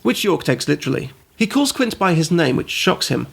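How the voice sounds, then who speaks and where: Male host, gravelly voice, slightly high, dry sarcastic review narration with tangents. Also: very animated, a little fast, fairly bright tone. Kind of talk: comedic game review narration.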